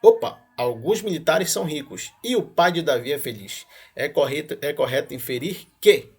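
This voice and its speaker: Gravelly-voiced Brazilian math teacher. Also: male voice, fairly high pitch, normal speed. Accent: Paraense Brazilian Portuguese. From Pará, Brazil. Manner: energetic, addresses viewers as galera, frequent tag questions like tá? and ó. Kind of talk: exam-prep lesson walkthrough.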